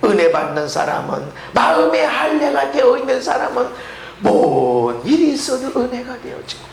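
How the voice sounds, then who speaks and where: A woman pastor preaching a sermon, telling a personal story with emotional shouts and laughter. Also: medium pitch, vocal fry, a little hiss or hum. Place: church sanctuary. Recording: roomy church echo.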